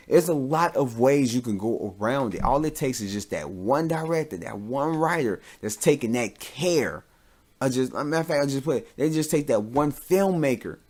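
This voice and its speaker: A podcast host with a medium-pitched voice shares his opinions casually. He rambles informally and often repeats himself.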